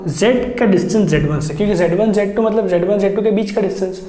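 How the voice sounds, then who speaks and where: A man's voice: sits high, fast, dark tone, roomy sound. A man teaching a maths lecture for exam prep, explaining step by step, asking students rhetorical questions and mixing in English terms. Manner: addresses students as children, mixes in English terms.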